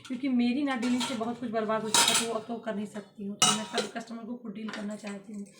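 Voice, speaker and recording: A woman's voice: on the high side, little pitch movement, fast talker, very noisy. A young woman vlogging casually about her day, tired and feverish, complaining as she goes about her chores. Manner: tired, complaining, talking through daily chores. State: feverish and worn out. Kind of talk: casual vlog monologue.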